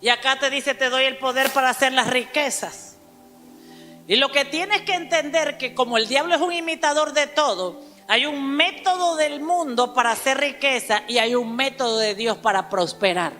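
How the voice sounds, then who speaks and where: A woman preaching a sermon to a congregation, emphatic, calling out to the listeners and spelling out words slowly. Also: high-pitched, bright, forceful tone. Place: church hall. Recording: church hall reverb with faint music.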